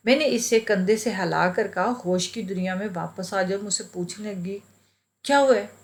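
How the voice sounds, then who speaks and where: A woman storyteller reads an emotional tale in the first person. Her delivery is earnest and dramatic, and her voice sits at a middling pitch for a woman.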